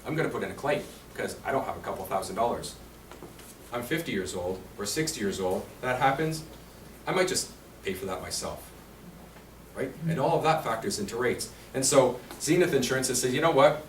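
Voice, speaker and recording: Expressive and brisk, a medium-pitched man gives an insurance talk in conversational style, quizzing the room along the way. He's in a seniors' residence meeting room, heard through a roomy, distant recording with faint hiss.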